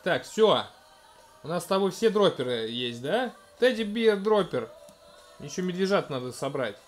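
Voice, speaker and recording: A let's-play host gently narrates a game for his toddler, coaxing the child and describing what's on screen in casual commentary. His voice is high-pitched and sing-song at a moderate pace, with soft music in the background.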